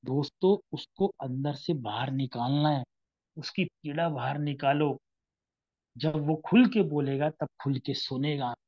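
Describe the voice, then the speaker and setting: A man's voice: on the high side, a little slow, no echo, lo-fi sound. A man leading a motivational sales training session, addressing listeners as friends and acting out sales conversations. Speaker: network marketing trainer.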